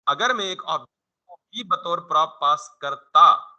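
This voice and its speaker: A man teaching code with a sharp, tense brightness in his voice that sits slightly high for a man. He explains in a relaxed, conversational classroom way. He keeps throwing questions at the listener and then answering them himself. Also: unhurried, muffled recording. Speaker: programming instructor. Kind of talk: coding tutorial lecture.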